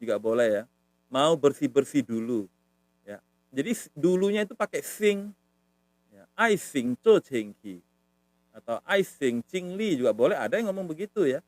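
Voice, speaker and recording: Speaking at normal speed in a slightly high, sing-song voice with no echo, a man teaches a language over a casual live stream. He's patient and repetitive, and "ya" punctuates nearly each phrase.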